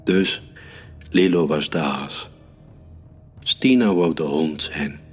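Man, storyteller, very low voice, husky, children's story reading. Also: takes it slowly. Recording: reverberant room with soft music.

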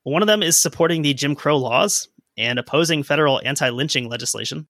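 Man, podcast co-host, bright voice, dry close sound, casual history chat. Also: fairly high pitch, quick pace, no room sound. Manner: reads old newspaper quotes aloud, conversational.

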